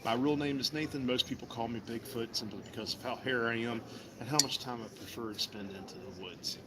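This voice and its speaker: A fast-talking man from Virginia demonstrates wood carving at his mall table, chatting in a friendly, folksy style with customers strolling past. His voice is mid-range, and heavy background noise from the bustling crowd's chatter surrounds him.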